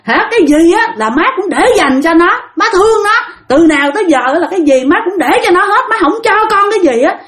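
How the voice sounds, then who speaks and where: A woman narrator voicing a middle-aged man who shouts at and then begs his mother, speaking in a rushed, repetitive way. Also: very high-pitched, lively intonation, pitched above the performer's own voice. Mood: furious.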